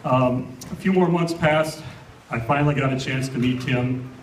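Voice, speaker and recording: A man's voice: medium pitch, normal speed. A middle-aged American man giving a humorous father of the bride speech at a wedding, in an informal, hesitant storytelling way. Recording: echoey room, distant mic, noisy with clicks.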